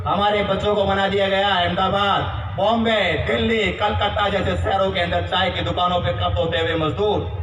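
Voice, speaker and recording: A man's voice: sits high, a bit bright, roomy sound, far from the mic, slight background noise, poor audio. A man giving an impassioned public speech at a convention, firing rhetorical questions at the crowd.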